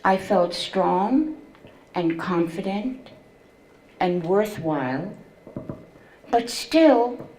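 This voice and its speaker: A woman in her seventies, a memoir author reading from her book and telling her story to an audience in a slow, measured way. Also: mid-range voice, lively intonation, dark tone, rough recording. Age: 70s.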